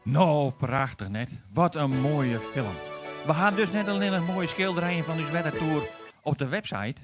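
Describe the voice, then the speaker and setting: A man, presenting live village television with relaxed, enthusiastic links between items. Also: a little high, moderate pace, over music.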